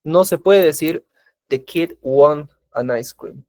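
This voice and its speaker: A man's voice: fairly high pitch, slow, warm tone, no room sound. A man teaching an English class, patiently repeating examples and asking his students questions. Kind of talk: recorded class lecture in Spanish.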